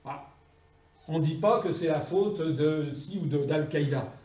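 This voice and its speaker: A man's voice: fairly high pitch, a little slow, warm tone, a little hiss or hum. A man making an insistent political statement as a campaigner. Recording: echoey room from far off.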